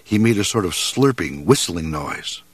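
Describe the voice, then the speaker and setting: Storybook reader, man, low husky voice, very lively intonation. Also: no echo. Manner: expressive, measured reading. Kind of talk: reading a children's storybook aloud.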